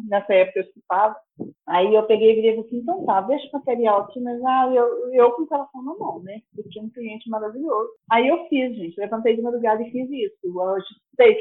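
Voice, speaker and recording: A Brazilian Portuguese-speaking woman hosting a podcast, telling chatty stories and exclaiming to her listeners. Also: on the high side. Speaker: podcast host. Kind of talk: casual storytelling monologue. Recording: tinny phone-like audio.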